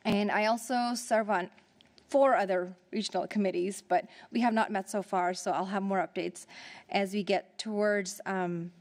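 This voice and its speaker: A woman presiding over a city council meeting, reporting on her committee work in a halting way with many fillers and restarts, and out of breath. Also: mid-range voice, fairly even intonation.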